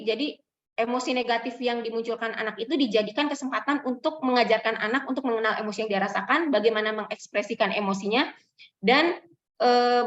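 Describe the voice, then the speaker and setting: A woman psychologist gives a parenting seminar talk, explaining step by step and acting out quotes from parents and children. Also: fairly high pitch. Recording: echoey, distant, muffled room mic.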